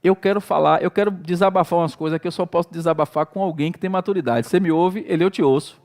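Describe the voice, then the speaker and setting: A Brazilian pastor in middle age delivers a sermon, his voice pitched high for a man, fast and a little mellow. His manner is loose and story-like, acting out his own prayers and exclamations, with a clear Brazilian Portuguese accent throughout.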